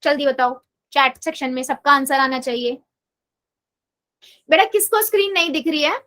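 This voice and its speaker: A woman with a very high voice teaches math in a live online class. She coaxes her students patiently and asks each question again and again, slipping English math terms into her sentences. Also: normal speed, pushed and bright.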